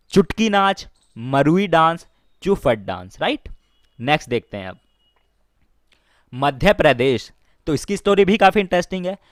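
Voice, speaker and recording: Brief: male exam-prep teacher, slightly raised pitch, dry close mic, repeats mnemonic stories. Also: no echo. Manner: explains slowly with stories and repeats key lines. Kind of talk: mnemonic lesson for exam students.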